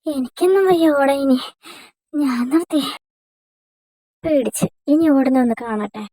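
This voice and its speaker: A young woman voicing a lively, quick-tongued female first-year student who squabbles with her friends in an amateur dubbed romance drama. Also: high-pitched, dry recording. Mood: chatty. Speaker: fan dub voice actor.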